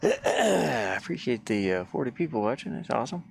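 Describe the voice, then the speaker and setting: Livestreaming from his van while building a game, a man thinks aloud casually about his work and trails off mid-thought. His medium-pitched voice, at normal speed, is slightly rough with vocal fry, set against steady background noise.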